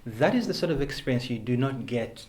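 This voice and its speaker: A man's voice: mid-range voice, expressive, fairly quick, darkish tone. Enthusiastic male podcast host. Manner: enthusiastic, effusive praise and frequent affirmations. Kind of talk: interview conversation.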